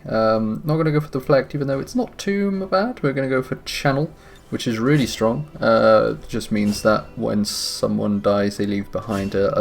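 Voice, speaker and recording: A man giving relaxed, wry commentary on his gameplay, sounding a bit tired. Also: mid-range voice, gravelly. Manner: relaxed, wry, thinking aloud. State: tired, yawning. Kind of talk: casual let's-play commentary. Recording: music playing behind.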